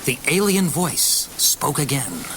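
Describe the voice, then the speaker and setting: A man narrating a children's storybook audiobook with an expressive, varied delivery. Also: mid-range voice, slow, background noise.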